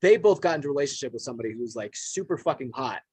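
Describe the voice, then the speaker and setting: A man's voice: mid-range voice, animated, rapid-fire, a little mellow, breathy edge, no echo. A man hosting a podcast, telling a loose, profane anecdote with fillers in casual chat. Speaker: podcast host.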